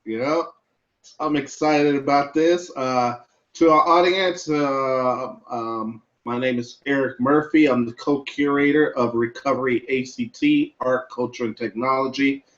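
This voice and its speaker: A man who co-curates an exhibition hosts a casual interview, speaking haltingly with many fillers. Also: medium pitch, steady tone. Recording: dull lo-fi audio.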